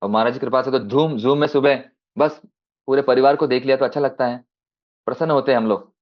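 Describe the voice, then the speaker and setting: A man giving a storytelling sermon on a video call, acting out a child and father in turn, rising high for the child and dropping soft for the father, with English phrases mixed in. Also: fairly quick. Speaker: devotional speaker. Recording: dull lo-fi video call audio.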